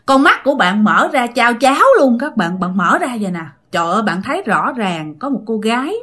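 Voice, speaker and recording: Woman storyteller, Southern Vietnamese accent, bright and animated, dramatic and chatty with listeners. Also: on the high side, fairly quick. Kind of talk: casual ghost story telling.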